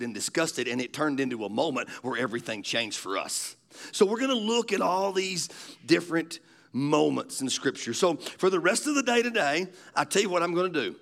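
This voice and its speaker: A man's voice: on the high side, gravelly, fairly bright tone. A man, preaching a sermon in a folksy storytelling way. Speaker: pastor.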